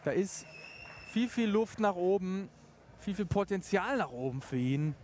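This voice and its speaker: A man's voice: sits high, expressive, measured pace, a little mellow, some chatter behind, slight background noise. A man giving live boxing commentary in an emphatic, opinionated way.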